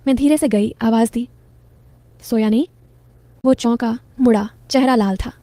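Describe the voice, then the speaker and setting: A woman narrating a first-person romantic story in a soft, intimate, teasing manner. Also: fairly high pitch, brisk, no room sound.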